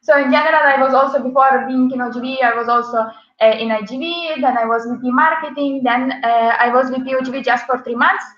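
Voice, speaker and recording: A woman's voice: high voice, steady tone, brisk, fairly bright tone. A young woman presenting a casual online webinar, chatty, with many fillers and frequent laughs. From Ukraine. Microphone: video call. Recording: echoey, dull video call audio.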